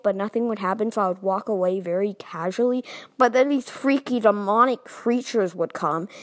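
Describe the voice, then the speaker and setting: A woman telling a casual storytime, chatty and playful, with sudden leaps in pitch and loudness and quick asides to the viewer. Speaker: storytime video maker.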